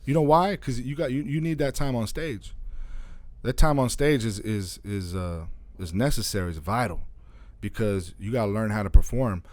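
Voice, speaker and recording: Low-voiced man in casual interview talk. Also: normal speed, darkish tone, dry recording. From Arizona, USA. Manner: loose and repetitive, often adds "you know what I'm saying". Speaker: guest, DJ and radio station owner.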